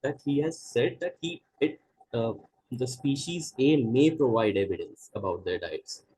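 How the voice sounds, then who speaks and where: A man's voice: mid-range voice, expressive, measured pace, mellow, husky, rough recording. A male student on a video call explaining his reading hesitantly with many fillers. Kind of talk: asking questions in online class.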